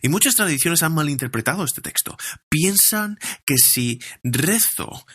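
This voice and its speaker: A man's voice: on the high side, expressive, unhurried, a bit bright, slightly rough. A man preaching a sermon as pastor, earnestly drawing out scripture lines and repeating phrases as he builds each point.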